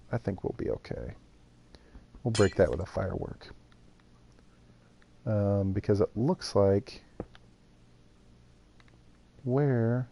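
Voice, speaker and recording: A man with a gravelly, mellow, slightly rough voice on the low side streams a building game live. He muses aloud while building and talks casually with his viewers.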